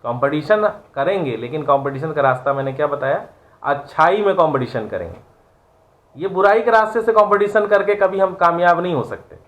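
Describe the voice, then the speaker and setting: A man's voice: a little high, animated, a little fast, a bit bright. A man teaching an online class, giving an earnest, preachy moral lecture full of rhetorical questions.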